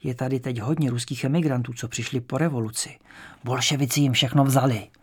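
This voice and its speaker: A man's voice: mid-range voice, steady tone, breathy edge, natural voice. A man reading an audiobook, voicing a small, chatty old landlady of about seventy who talks in a cautious, fussy way. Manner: fussy, cautious, then eager and warm. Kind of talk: audiobook character voice.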